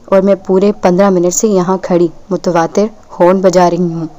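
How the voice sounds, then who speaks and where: A woman's voice: lowish voice, little pitch movement, dark tone, dull audio, close to an everyday voice. A woman reading the lines of a blunt, impatient young woman in an audiobook, sulky and curt.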